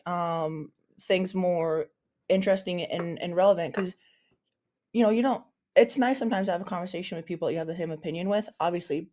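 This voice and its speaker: A woman with a fairly low, warm voice co-hosts a podcast in casual conversation. She rambles and circles back as she talks, full of ums and restarts.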